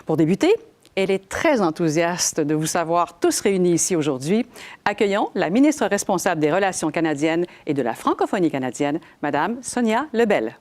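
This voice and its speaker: A woman's voice: lowish voice, sing-song, brisk, darkish tone. A woman, hosting a live event in a playful manner, stretching out words for emphasis. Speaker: host.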